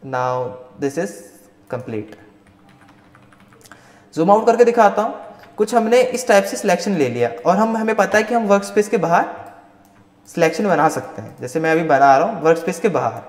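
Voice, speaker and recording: A man's voice: sits high, very animated, moderate pace, long pauses. A man teaching a live online class. He mixes Hindi and English and keeps checking in with "right?". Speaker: Photoshop instructor. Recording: roomy echoey long reverb.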